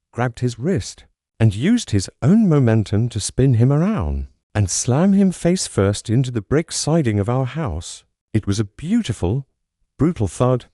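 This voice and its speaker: A man's voice: mid-range voice, dark tone, no room sound, clean studio sound. A man reading a scripted first-person story aloud in a dramatic, suspenseful storytelling manner. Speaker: narrator.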